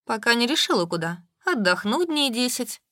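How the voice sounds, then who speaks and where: A woman's voice: fairly high pitch, sing-song, normal speed, bright, forceful tone, no echo, clean studio sound, pitched above the performer's own voice. Woman playing a vain, glamorous thirtyish woman. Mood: breezy.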